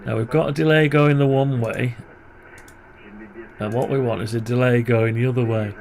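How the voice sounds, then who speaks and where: A man's voice: medium pitch, fairly even intonation, normal speed, gravelly, a little mellow. A man presenting a programming tutorial, thinking aloud as he works and grumbling wryly to himself. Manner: muttering, wry grumbling asides. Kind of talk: thinking aloud while working on screen.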